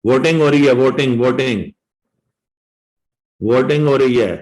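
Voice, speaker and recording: A man with a Pakistani accent teaching an online law revision class, drawing out the legal phrases slowly and coaxing his students along. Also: medium pitch, a little mellow, rough recording. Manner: mixes Hindi-Urdu with English legal terms, coaxing students; slow and drawn out when reading points aloud. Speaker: law lecturer.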